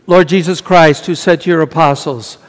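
Man priest praying slow and measured at the altar, slightly high voice, big echoey church. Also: fairly even intonation. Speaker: priest celebrating Mass. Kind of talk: liturgical prayer. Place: large church with long reverb. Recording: reverberant church hall.

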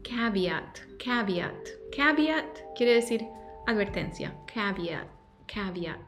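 A woman teaching pronunciation, repeating each word slowly and carefully as a language teacher. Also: mid-range voice, expressive, fairly bright tone, soft background music. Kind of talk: pronunciation lesson.

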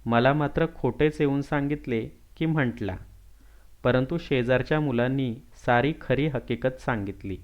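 A man's voice: mid-range voice, dull audio, natural voice. A man voicing a stern but loving village mother who scolds firmly and evenly.

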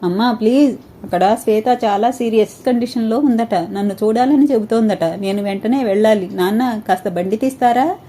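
A woman's voice: on the high side, mellow, slight background noise, lightly acted. A woman voicing a caring young woman who is anxious and in a rush. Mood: hurried. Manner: hurried, anxious questioning.

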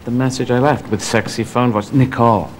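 A man's voice: medium pitch, steady tone, fairly quick, slight background noise, close to an everyday voice. An actor playing a wisecracking male heist crook in a film scene. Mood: wry. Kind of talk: film dialogue. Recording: film soundtrack with music.

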